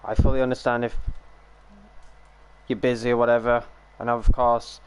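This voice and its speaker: A young man chats casually while gaming on a live stream, rambling and grumbling in a mid-range voice that's a little strained from a recovering sore throat. His delivery is flat and at normal speed, with a clean tone despite poor audio.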